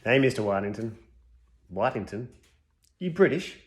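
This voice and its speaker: A man's voice: mid-range voice, animated, normal speed, natural voice. A man playing a scruffy, cocky expert on compassion who confidently lectures through a list of studies in a comedic school chapel sketch. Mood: cocky lecturing. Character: scruffy bearded male compassion specialist, cocky.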